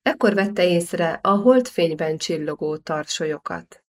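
Woman narrating with a lowish voice. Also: animated. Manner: measured storytelling. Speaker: audiobook narrator. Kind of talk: scripted narration.

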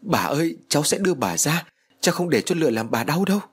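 A man's voice: on the high side, very animated, fast, a little hiss or hum, voice pushed up. A man voicing a young grandson, tense and pleading. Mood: desperate. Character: young grandson, desperate and devoted.

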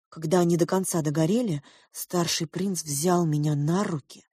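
Female audiobook narrator, unhurried, dry close recording. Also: low-pitched, dark tone, husky, dry recording. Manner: slow, measured storytelling.

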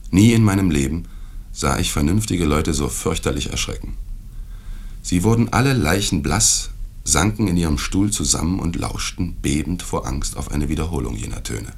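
A man giving an expressive, deliberate dramatic reading of a classic tale. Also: very deep voice, vocal fry, slightly rough. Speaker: reader.

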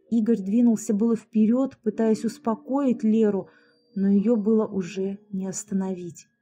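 Calm, mellow woman narrator. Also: mid-range voice. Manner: calm, measured storytelling. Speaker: audiobook narrator. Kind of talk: scripted narration.

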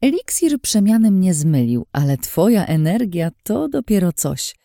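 A woman's voice: fairly low pitch, very animated, a little slow, vocal fry, warm tone, dry recording, studio quality, pitched above the performer's own voice, exaggerated voice. A woman voicing a scheming, mocking woman in an audiobook, smug and threatening, in a taunting sing-song way.

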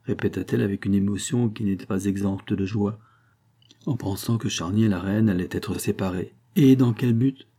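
A man narrating a classic novel as an audiobook, in a measured, even reading. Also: on the low side, breathy edge. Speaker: audiobook reader.

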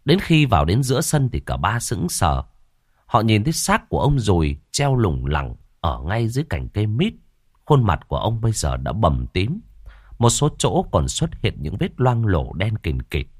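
Male horror narrator, lowish voice, very animated. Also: normal speed, no room sound, studio quality. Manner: dramatic, expressive.

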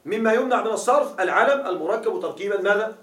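High-voiced teacher man, echoey room. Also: lively intonation, fast, a bit bright. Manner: quizzing students with repeated questions. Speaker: grammar teacher. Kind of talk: classroom grammar lesson. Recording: echoey room, mic far off.

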